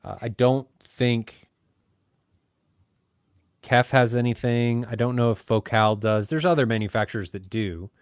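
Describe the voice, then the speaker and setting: A man's voice: medium pitch, measured pace, pauses often, smooth, no room sound, studio quality. A man co-hosting a casual podcast, chatty and joking, poking fun at himself. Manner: chatty, joking, self-deprecating. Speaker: podcast co-host. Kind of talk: casual chat.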